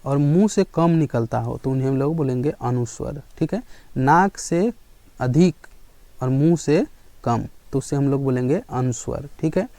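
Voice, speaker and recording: Male teacher, grammar lesson, keeps checking in, answers his own questions, mellow tone, dry close sound. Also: medium pitch, moderate pace, no room sound.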